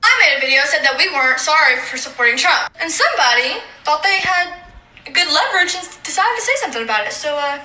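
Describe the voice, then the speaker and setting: A woman with a very high, sharp voice talks fast and defiantly. Her voice rings in an echoey room. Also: animated. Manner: defiant, scornful. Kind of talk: defiant rant video.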